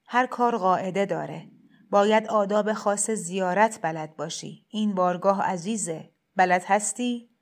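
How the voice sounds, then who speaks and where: A woman voicing a gentle, persuasive male shrine cleric in a storybook reading, speaking in a heavy, soft, kindly insistent way. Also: medium pitch, natural voice. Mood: coaxing.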